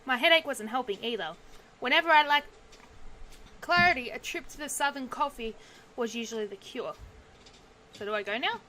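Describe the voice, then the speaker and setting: A woman's voice: high-pitched, expressive, normal speed, long pauses, pushed and bright, a little hiss or hum. A woman streamer reading detective game narration aloud, breaking off for sudden outbursts and swearing. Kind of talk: reading game text aloud with casual reactions.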